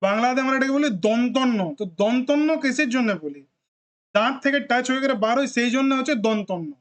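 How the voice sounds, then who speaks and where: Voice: sits high, lively intonation, fast talker. Patient teacher drilling letter sounds. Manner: drills sounds one by one with frequent check-ins. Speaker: language teacher. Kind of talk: classroom lesson.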